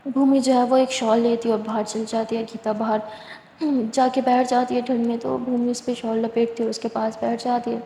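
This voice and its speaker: A woman narrating a spoken love story in a soft, plain, steady retelling. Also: on the high side. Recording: echoey room, long reverb, faint hiss.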